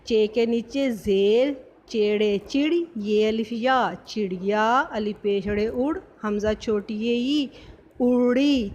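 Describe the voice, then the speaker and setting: A woman teaching a primary school language lesson, spelling words slowly sound by sound and quizzing her pupils. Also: on the high side, a little mellow, a little hiss or hum. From Pakistan. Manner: slow, syllable-by-syllable spelling with quiz questions. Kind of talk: recorded classroom lesson.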